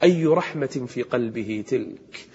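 Husky-voiced man preaching in an echoey hall. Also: medium pitch, expressive, mellow. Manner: impassioned, slows to chant verses. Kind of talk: emotional sermon. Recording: echoey hall on a dull cassette tape.

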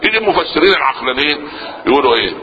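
A man's voice: a little high, rapid-fire. A man with an Egyptian Arabic accent preaching a sermon, quizzing the listeners with rhetorical questions. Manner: lively, rhetorical questions to the audience. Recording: lo-fi reverberant hall recording.

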